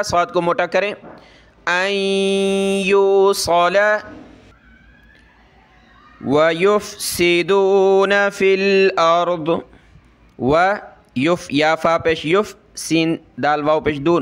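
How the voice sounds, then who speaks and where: Clear, high-voiced man teaching Quran recitation. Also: a bit bright. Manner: explains rules slowly, then recites verses in long drawn-out chant; says "ठीक है" often to check the listener. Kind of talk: Quran tajweed lesson.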